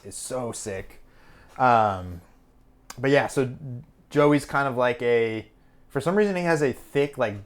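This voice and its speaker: Relaxed, rambling young male podcast host. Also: fairly low pitch, clear, resonant tone. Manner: relaxed, rambling with fillers and restarts. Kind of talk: casual chat.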